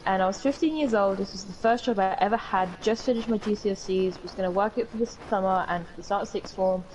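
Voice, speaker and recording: A woman's voice: mid-range voice, fast talker, a little mellow, dull audio, a little hiss or hum. A young woman from the UK with a British accent, co-hosting a podcast and telling rambling stories in casual chat with some swearing. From United Kingdom. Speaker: podcast co-host.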